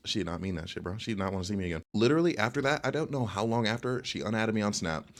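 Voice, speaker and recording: A man's voice: fairly low pitch, expressive, rapid-fire. A young man telling a casual storytime monologue, chatty and loose, tagging nearly every sentence with "okay?" and filling gaps with "like". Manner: chatty, repeats "okay?" and "like" constantly. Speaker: storyteller vlogger.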